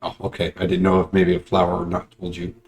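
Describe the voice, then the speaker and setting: A man's voice: low-pitched, monotone, fast talker, darkish tone. A man chatting casually as a player in a tabletop fantasy game.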